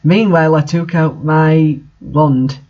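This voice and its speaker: A man with a voice on the high side reads a story aloud slowly, his intonation fairly even and his tone a little mellow, through lo-fi sound. He hosts a bad fanfiction reading series and delivers the text in an amused, comedic way, adding his own commentary and breaking into laughter as he reads.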